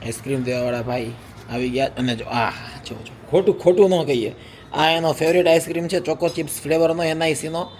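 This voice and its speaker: A man's voice: on the high side, brisk, darkish tone, slight background noise. A young man vlogging at home as a husband, chatting casually and teasingly with viewers and laughing often. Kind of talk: casual vlog chat to viewers.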